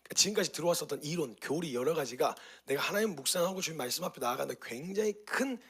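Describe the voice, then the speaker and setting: A male pastor teaching a course on Bible meditation, telling stories with lively rhetorical questions. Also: a little high, rapid-fire, husky. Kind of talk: teaching talk.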